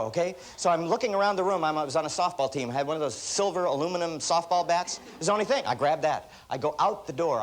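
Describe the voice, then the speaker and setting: Brief: man giving a motivational seminar, fairly high voice, lively self-mocking storyteller. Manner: animated, self-deprecating storyteller. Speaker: motivational speaker. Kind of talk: seminar talk with anecdotes.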